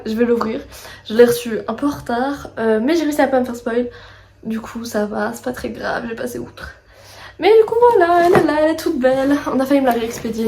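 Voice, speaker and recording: A woman's voice: a little high, darkish tone, slight background noise. A young woman vlogging a book box unboxing, chatty and rambling with many fillers and asides. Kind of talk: casual unboxing vlog.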